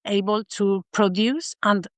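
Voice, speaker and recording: A woman from Spain with a Spanish accent, a guest in a podcast interview who speaks thoughtfully and fills her pauses with "uh". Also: mid-range voice, fairly even intonation, no room sound. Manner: thoughtful, many filler pauses. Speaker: guest designer.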